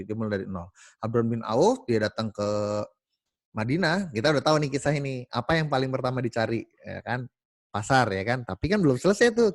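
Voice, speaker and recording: Animated man telling stories to colleagues. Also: mid-range voice, no echo, studio quality. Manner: animated, many fillers and self-corrections. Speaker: team meeting speaker. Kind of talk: casual storytelling talk to colleagues.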